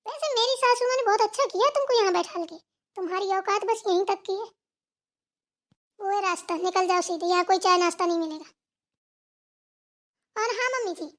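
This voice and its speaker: Woman doing a snooty rich young bahu for a cartoon, sharp and mocking, really high voice. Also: moderate pace, long pauses. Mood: haughty. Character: rich, arrogant young daughter-in-law. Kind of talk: cartoon voice acting.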